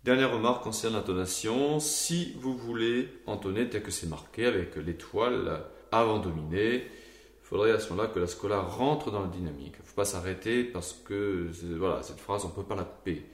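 Low-voiced man teaching chant, echoey room. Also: normal speed. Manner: explanatory, with short sung examples. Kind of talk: explaining chant to a choir.

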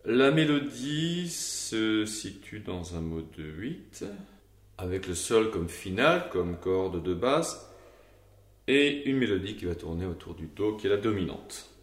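A man's voice: sits low, echoey room. A man teaching Gregorian chant to a choir, explaining the melody and now and then singing short examples.

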